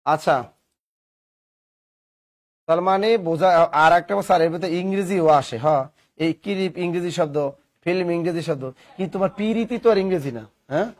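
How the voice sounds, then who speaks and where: A man's voice: a little high, normal speed, long pauses. A man teaching grammar in a classroom lesson, asking questions and answering them himself with playful examples. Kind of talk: classroom lesson with call-and-response.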